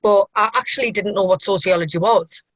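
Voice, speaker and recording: Young woman, strong Mackem accent from Sunderland, mid-pitched, earnest and discursive interview talk, dry recording. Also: fairly quick, fairly bright tone, no echo. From Sunderland, England. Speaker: sociology group member being interviewed.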